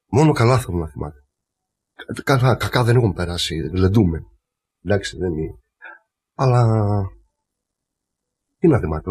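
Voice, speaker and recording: A man's voice: low voice, a little mellow, husky. A man from Crete, a lyra player, telling rambling family anecdotes in a casual interview. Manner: rambling anecdotal storytelling with laughs.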